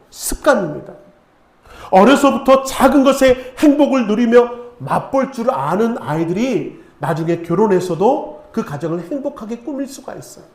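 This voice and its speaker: A man's voice: sits high, darkish tone. A middle-aged male pastor giving a sermon, telling stories and asking rhetorical questions. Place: church sanctuary. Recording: echoey church hall.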